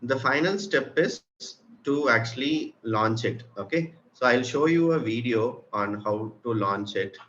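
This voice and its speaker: A man's voice: mid-range voice, animated, measured pace, a bit bright. A man with an Indian accent teaching a craft step by step, explaining simply and patiently to children and checking that they follow. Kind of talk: step-by-step spoken tutorial. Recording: muffled, with clearly audible room noise.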